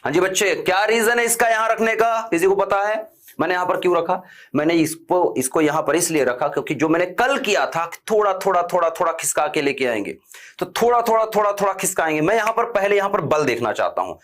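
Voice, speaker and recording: A man's voice: high voice, animated, a little fast, fairly bright tone. A man teaching a physics class online. He keeps asking his students questions, answers them himself and repeats key terms. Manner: stern when telling students to stop chatting.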